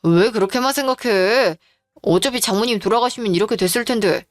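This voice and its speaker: A woman voicing a husband who makes excuses in a slow, self-justifying way in a dramatized story. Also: a little high, dry recording, studio quality, lightly acted. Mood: defensive. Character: evasive husband, defensive and dismissive.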